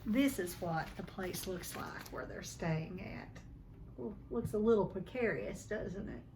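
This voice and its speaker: Speaking a little slowly in a medium-pitched voice, this woman dramatizes a storybook as she reads it to her listeners, much like a teacher would. Background noise can be heard.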